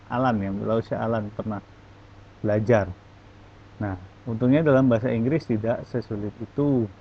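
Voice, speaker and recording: A man, teaching an online English class and giving feedback in a slow, halting way. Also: mid-range voice, lo-fi sound. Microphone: online class audio.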